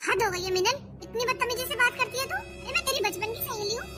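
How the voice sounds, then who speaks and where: A young wife in a home drama skit, voiced by a woman complains and reproaches her idle husband. The voice is bright and very high. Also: lively intonation, quick pace, faint music behind, exaggerated voice. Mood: offended. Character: young wife, elder daughter-in-law, hurt and complaining.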